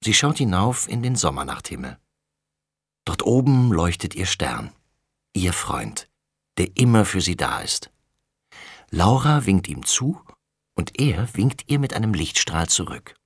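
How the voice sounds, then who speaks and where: Ein Mann, der ein Kinderhörbuch sanft und ausdrucksvoll vorliest. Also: male voice, low voice, measured pace, pauses often, slightly rough, dry recording, studio quality. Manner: gentle, expressive storytelling. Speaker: audiobook reader. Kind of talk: children's storybook narration.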